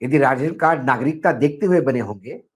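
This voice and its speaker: A middle-aged man commenting on politics in an animated way, telling stories with acted quotes. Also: mid-range voice, brisk. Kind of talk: political discussion.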